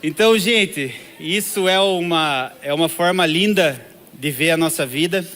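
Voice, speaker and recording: A man's voice: a little high, unhurried, fairly bright tone. A middle-aged man telling his personal conversion story in a casual interview, earnestly acting out the dialogue he quotes. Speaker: church member giving testimony.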